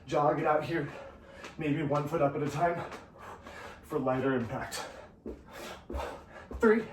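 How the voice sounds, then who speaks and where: Breathless man coaching a workout, echoey. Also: fairly high pitch. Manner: encouraging, counting down, slightly out of breath. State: breathing heavily. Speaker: fitness instructor. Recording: echoey room, distant from the mic, noisy.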